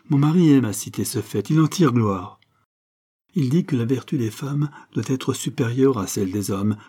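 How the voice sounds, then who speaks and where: A man voicing a gentle, tearful elderly noblewoman and grandmother in an audiobook, speaking with soft, earnest pleading. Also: mid-range voice, slightly rough, lightly acted. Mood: warm, insistent.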